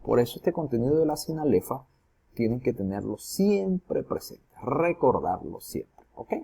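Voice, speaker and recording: A man's voice: medium pitch, lively intonation, unhurried, creaky, dark tone, slightly rough. A man teaching a recorded lesson, explaining each step and asking his students questions as he goes. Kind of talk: recorded lesson on poetry metrics.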